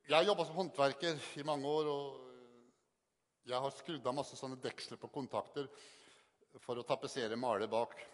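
An older man giving an earnest, halting personal testimony to an audience, often repeating words for emphasis. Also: mid-range voice. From Northern Norway. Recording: long hall reverb.

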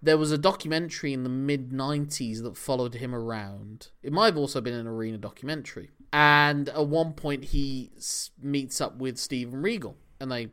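Male podcast co-host, chatty and analytical, mid pitch, easy laughs. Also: moderate pace, hardly any pauses, fairly bright tone, clean tone. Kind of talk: casual wrestling discussion.

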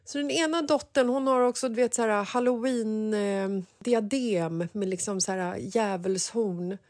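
A woman in her forties, a podcast host, telling a personal story in a casual, emotional, animated way. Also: medium pitch, dry recording, studio quality. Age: 40s.

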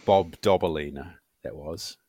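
A very low-pitched man co-hosting a casual football podcast. He talks in a relaxed, meandering way, filling pauses with ums. His voice sounds dry and close to the mic. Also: breathy edge, no room sound. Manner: relaxed, meandering, with fillers and laughs. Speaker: podcast co-host. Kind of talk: casual sports podcast chat.

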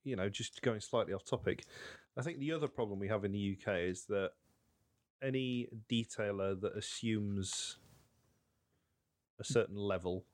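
A man co-hosting a podcast, talking casually with lots of restarts and thinking out loud. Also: lowish voice, normal speed, dry recording. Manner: talkative, thinks aloud with many restarts. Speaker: podcast co-host. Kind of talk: casual chat.

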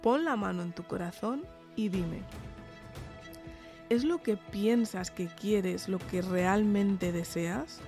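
A woman's voice: mid-range voice, slow, mellow, soft background music. A woman with an accent from Spain giving an earnest, encouraging motivational monologue straight to the listener as a podcast host, speaking while sick with a sore throat. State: sick with tonsillitis and fever.

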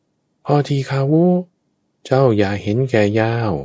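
A man voicing a condemned old king who calls out slow, solemn words of teaching. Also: mid-range voice, dark tone, no room sound, pitched above the performer's own voice, close to an everyday voice. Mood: solemn pleading. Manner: slow, raised, solemn chanting delivery.

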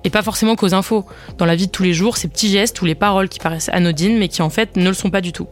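Podcast host, scripted narration, explanatory, brisk delivery, faint background music. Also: mid-range voice. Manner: explanatory, steady commentary.

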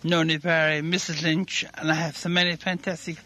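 A man's voice: fairly high pitch, flat delivery, brisk, sharp tone, dry recording. An Irish man chatting cheerfully and laughing often, heard on an old 1980s local radio recording. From Ireland. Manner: jolly, laughs often, rambling. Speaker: interviewee. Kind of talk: casual radio interview chat.

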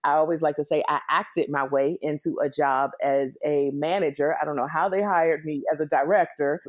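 Low-voiced middle-aged woman with a DC accent. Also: darkish tone. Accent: Washington, DC. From Washington, DC, United States. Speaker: interview guest, nonprofit executive. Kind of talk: conversational personal storytelling in an interview.

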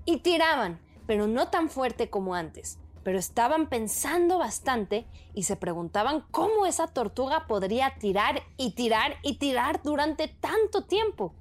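A woman narrating a children's fable in a lively, expressive storytelling manner. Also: high-pitched, moderate pace, hardly any pauses.

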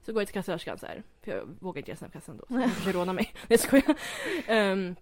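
Lively young woman telling chatty stories. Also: on the low side. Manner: lively storyteller, slangy, laughs often, acts out quotes. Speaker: podcast co-host. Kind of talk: casual chat.

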